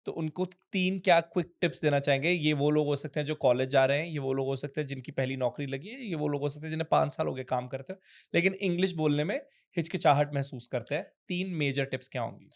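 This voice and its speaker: A man from India hosts a casual interview, playfully asking questions in a mix of Hindi and English. His voice sits a little high. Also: quick pace, vocal fry. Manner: playful, jokey, code-switching. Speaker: podcast host.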